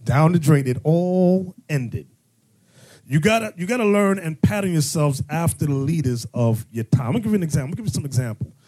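With a fairly high, warm, animated voice and a fairly quick pace, a man acting as bishop teaches a congregation sermon-style. He leads call-and-response questions and erupts into sudden emphatic bursts.

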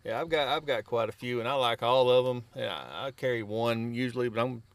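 A man's voice: medium pitch, fairly quick. A man chatting easily and laughing along on a hunting podcast. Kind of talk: casual chat.

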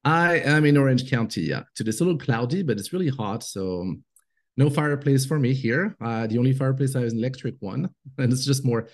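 Chatting loosely on a podcast, a guest from France talks fast in a mid-range, darkish voice with a French accent. He's hesitant, leaning on fillers and frequent laughs.

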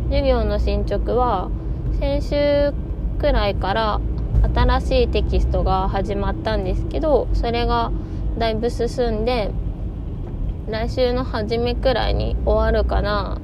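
A woman with a nasal, stuffy-nosed voice from a cold, chatting casually in a personal audio diary recorded outdoors on the way home. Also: mid-range voice. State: congested with a cold. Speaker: solo audio diary host. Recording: muffled, noisy outdoor recording.

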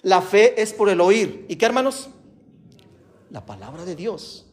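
A man with a high voice delivers an emphatic sermon. He keeps calling his listeners brothers, surging loud on key phrases and then dropping soft. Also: expressive, measured pace. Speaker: preacher.

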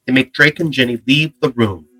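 A man's voice: mid-range voice, fairly quick, bright, forceful tone, slightly rough, no room sound, rough recording. A man delivering scripted dramatic narration for an audio drama, with music behind him. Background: background music.

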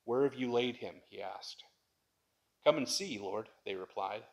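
With a gravelly, medium-pitched voice and a slightly slow pace, a male pastor delivers his sermon in a conversational way. When he reads scripture and pleads, he builds to loud, impassioned lines.

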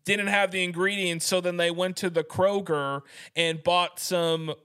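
A man's voice: sits high, fairly even intonation, unhurried, fairly bright tone, clear, resonant tone. A young adult American man hosting a podcast, ranting irreverently and profanely in casual chat. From United States. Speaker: podcast host.

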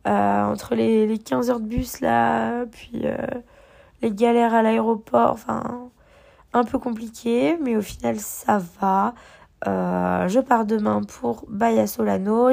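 A young woman chats through her travel vlog in a loose, rambling way, filling her talk with hesitations and restarts. Her voice has a strong gravelly fry, and she has a slight cough because she is a bit under the weather. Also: on the high side, a little mellow. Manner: rambling, many fillers and restarts. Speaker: travel vlogger. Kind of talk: casual travel diary vlog.

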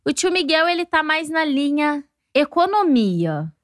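A woman's voice: sits high, unhurried, dry recording, clean studio sound. A Brazilian woman co-hosting a podcast, chatting casually and acting out her relatives' lines as she tells stories. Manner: animated storytelling, acts out relatives' lines. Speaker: podcast co-host. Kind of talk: casual chat.

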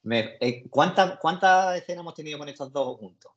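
A man's voice: fairly high pitch, expressive, fairly quick. A man with a Spain Spanish accent chatting casually as a podcast co-host, rambling through scenes in colloquial slang. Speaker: podcast co-host discussing a series. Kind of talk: casual chat. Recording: muffled lo-fi recording.

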